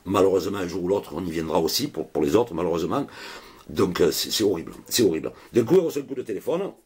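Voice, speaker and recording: A man's voice: deep voice, lively intonation, quick pace, darkish tone, husky. A man telling a rambling, chatty story to camera in a casual vlog, full of swearing and asides. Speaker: vlogger.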